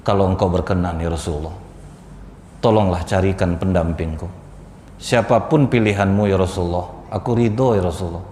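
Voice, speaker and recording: A preacher voicing a frightened young widow who pleads softly in a lowered, hushed voice. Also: male voice, brisk, a little hiss or hum, close to an everyday voice. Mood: fearful pleading. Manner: soft, subdued, pleading. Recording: echoey mosque hall.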